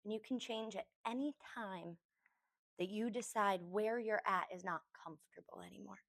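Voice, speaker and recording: Speaking in a creaky, mid-range voice, a yoga teacher walks listeners through a meditation. Her instructions are calm and slow, given in short bits with pauses in between.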